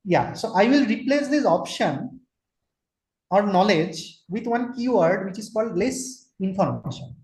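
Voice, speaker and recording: A Kolkata-born lecturer in his forties addresses an online class in Indian English, asking questions and slipping into Hindi. His high-pitched, darkish voice has lively intonation and a measured pace. Echo fills the room.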